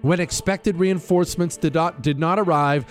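A man's voice: fairly high pitch, moderate pace. A middle-aged man hosting a radio talk show, moving between casual, wry asides and reading aloud.

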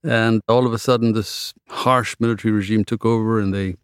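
A man raised in Ethiopia, a physician and novelist, answering interview questions in a measured, reflective way. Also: on the low side, fairly even intonation, clean tone, no echo, studio quality.

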